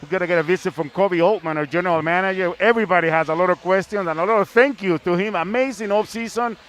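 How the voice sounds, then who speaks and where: A man hosts a live sports discussion in a high-sitting, fairly bright voice at a quick pace. As a sports broadcast host, he often repeats phrases while building up to his questions, with faint background noise in the recording.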